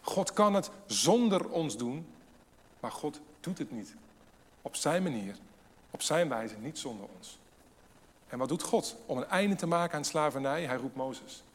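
A man preaching a sermon with emphasis, asking rhetorical questions and swinging between loud and hushed delivery. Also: on the high side, lively intonation, measured pace. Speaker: pastor. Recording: long hall reverb.

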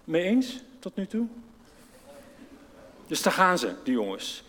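A man's voice: high voice, huge pitch swings, takes it slowly, a bit bright. A man preaching a conversational sermon. He asks his listeners questions and acts out the quotes in his story. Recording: long reverb of a large hall.

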